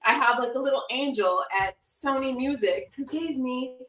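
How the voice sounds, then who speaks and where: A woman's voice: sits high, normal speed, a bit bright. A woman co-hosting a casual livestream, chatty and self-deprecating, laughing easily. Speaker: co-host.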